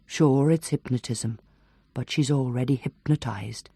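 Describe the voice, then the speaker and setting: A woman doing a calm, coaxing man. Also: very deep voice, husky, dry recording, studio quality, voice pushed down, full character voice. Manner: soft, slow, coaxing. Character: calm steady man guiding a hypnotized patient.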